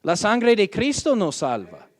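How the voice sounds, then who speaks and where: A man's voice: high voice, wildly swooping pitch. A man preaching a sermon as pastor, reading Bible verses aloud and often checking in with "ok?". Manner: slow, deliberate delivery with frequent "¿ok?" check-ins; reads scripture aloud, drawing out quoted verses.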